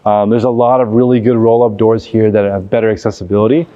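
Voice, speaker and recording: A man's voice: on the low side, level tone, fast, lo-fi sound. A man speaking casually and off the cuff as a vlog host, walking through a large empty warehouse. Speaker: vlog host, reselling business owner. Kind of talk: casual unscripted walk-through tour.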